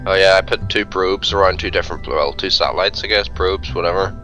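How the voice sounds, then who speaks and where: A man's voice: low-pitched, a little fast, pushed and bright, lo-fi sound, soft background music. A man chatting casually while playing a game, joking and swearing a lot. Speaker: gaming channel co-host. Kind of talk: casual gaming chat.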